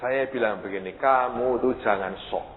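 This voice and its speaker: A man preaching a storytelling sermon as a pastor, acting out dialogue with sudden high outbursts. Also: normal speed. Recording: echoey hall, tinny lo-fi sound with faint noise.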